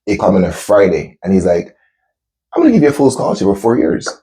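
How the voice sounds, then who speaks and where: A man's voice: low-pitched, wildly swooping pitch, fast talker, dark tone, slightly rough. A man from Jamaica hosting a casual interview chat, chatty and enthusiastic. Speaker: host.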